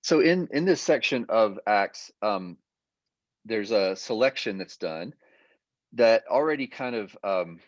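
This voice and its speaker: Over a video call, a man with a fairly low voice gives an adult education lecture, explaining at length and hesitating on frequent fillers. The audio is dry and a little muffled, with no room sound.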